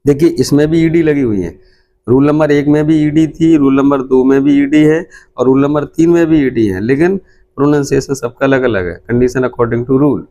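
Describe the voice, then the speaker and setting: A man's voice: mid-range voice, normal speed, warm tone. A middle-aged man with an Indian Hindi accent, teaching English pronunciation and repeating each word several times. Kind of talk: pronunciation lesson.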